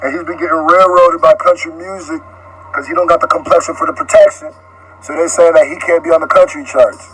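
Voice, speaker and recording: A man's voice: fairly high pitch, steady tone, brisk, noisy background. A man talking emphatically in a casual review video. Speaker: YouTube reviewer in an older clip.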